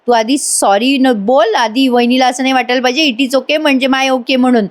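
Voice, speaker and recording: A teasing, bossy young man who needles his friends without letup, voiced by a woman retelling a serial. His voice sits on the high side for a man. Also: steady tone, moderate pace, lightly acted. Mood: needling. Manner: pushy, needling.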